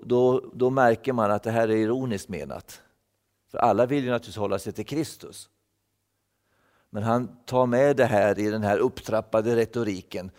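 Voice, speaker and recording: A man's voice: medium pitch, a little mellow, in a large hall. A man giving a thoughtful Bible-teaching sermon, repeating words as he explains. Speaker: preacher.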